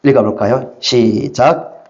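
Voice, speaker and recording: A man's voice: medium pitch, steady tone, slow pace, darkish tone. A male pastor preaching an emphatic sermon, having the congregation read and repeat lines along with him, with a dull lo-fi sound.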